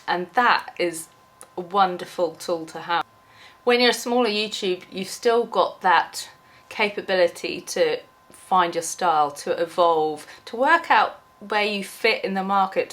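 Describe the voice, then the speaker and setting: A young woman who is a small YouTuber chats in an unscripted, rambling vlog, full of ums and restarts. She has a cold and is losing her voice, which sits fairly low in pitch and sounds a bit bright.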